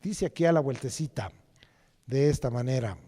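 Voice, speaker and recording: A man's voice: mid-range voice, animated, moderate pace, dark tone, in a large hall. A man preaching a Sunday sermon in church, rhetorical and repetitive, often asking the congregation "right?". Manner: rhetorical, repeats phrases and asks "right?". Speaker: lay preacher. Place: church during Sunday service.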